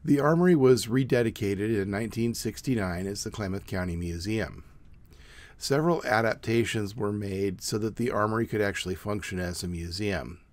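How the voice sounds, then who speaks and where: A middle-aged man giving a measured, plain informative presentation outdoors. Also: fairly low pitch, dry recording. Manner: measured, plain explanatory delivery. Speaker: student presenter. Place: outdoors in front of a brick building.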